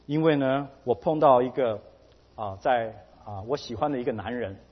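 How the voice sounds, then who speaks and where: A man quoting, in his own husky voice, a troubled married woman who anxiously asks a pastor for help, recorded dull with a long hall reverb. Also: mid-range voice, normal speed, lightly acted. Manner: anxious, hesitant pleading.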